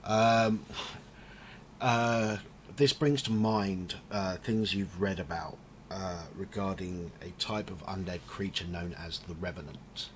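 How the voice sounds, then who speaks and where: A man acting as game master, narrating a tabletop game with a mix of halting improvisation and read-out description. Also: low-pitched. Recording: faint background noise.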